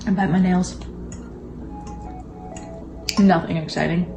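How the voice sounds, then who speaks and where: A woman's voice: fairly low pitch, fairly even intonation, slow pace, creaky, over music. A young woman chatting informally over food, telling stories and acting out what people said. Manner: informal storytelling with acted-out quotes. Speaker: co-host of a mukbang Q and A. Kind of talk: casual chat while eating.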